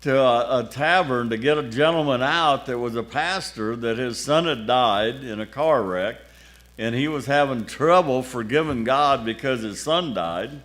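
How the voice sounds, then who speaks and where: A man's voice: medium pitch, a little slow, a bit bright. An older male pastor telling his own story from the pulpit. His talk is folksy and colloquial, with a wry, plainspoken turn. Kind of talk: sermon testimony storytelling.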